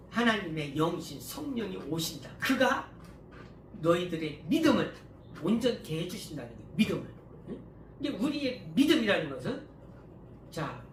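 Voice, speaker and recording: High-voiced pastor preaching in an echoey church. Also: male voice. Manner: conversational preaching, often asks listeners to agree; many fillers and restarts, sudden rises in volume. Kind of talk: sermon. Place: church hall. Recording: echoey room, mic at a distance, faint background hum.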